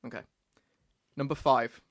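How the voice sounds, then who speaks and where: A man's voice: mid-range voice, fairly even intonation, a little slow, a little hiss or hum. A British man co-hosting a casual podcast, running a guessing game with a teasing manner and frequent laughs. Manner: playful, teasing, laughs often. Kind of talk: casual chat.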